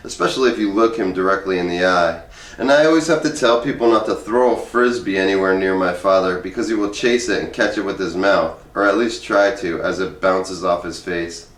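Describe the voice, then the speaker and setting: A host reads a humorous essay aloud from a book, talking casually in an informal, conversational way. His voice is on the low side with a fairly bright tone, recorded with roomy echo and distant from the mic.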